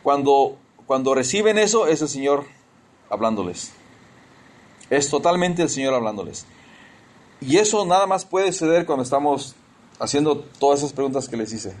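A man's voice: mid-range voice, very animated, normal speed, long pauses. Conversational preacher, man. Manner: conversational, addresses listeners as brothers, asks questions; slips in English exclamations. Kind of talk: informal sermon.

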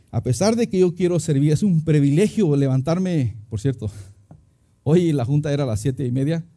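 A middle-aged pastor preaches a sermon in a conversational, storytelling way, acting out little anecdotes as scenes and restarting often. His voice is mid-range and warm.

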